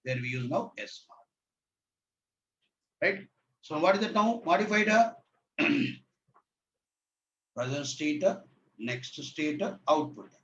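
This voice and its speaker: This is an online lecture on state reduction given by a man whose voice sits on the high side and sounds a bit bright, with some hiss or hum. He has a sore throat, repeats himself point by point, keeps asking if he's audible, and says "sir," all captured by a laptop mic that sounds far off, echoey and dull.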